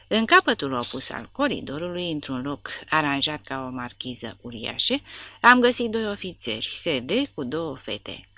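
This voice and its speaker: A woman reads an audiobook aloud with lively, expressive storytelling. Her voice is low and gravelly, with a bright, forceful edge and wide swings in pitch. The sound is dry and close. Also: no echo. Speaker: audiobook narrator. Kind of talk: scripted audiobook narration.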